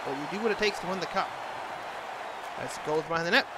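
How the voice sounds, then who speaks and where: Against a noisy crowd, a man with a fairly high voice speaks fast, impersonating a hockey announcer in an amateur way with short, clipped calls. The recording is distinctly noisy with ambient sound.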